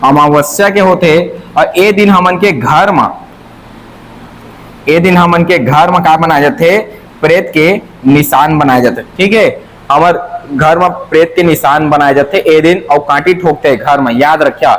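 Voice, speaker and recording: Man, Chhattisgarhi accent, coaching teacher, sing-song repetition, slightly high voice, faint background noise. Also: measured pace, fairly bright tone, low-quality recording. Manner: repeats drill phrases in a sing-song chant; asks and answers his own questions. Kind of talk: exam-prep lecture.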